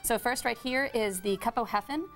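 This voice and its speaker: A woman's voice: on the high side, moderate pace, fairly bright tone, faint music behind. A young woman, a baker who owns a shop, eagerly explaining her products as an interview guest and giggling often.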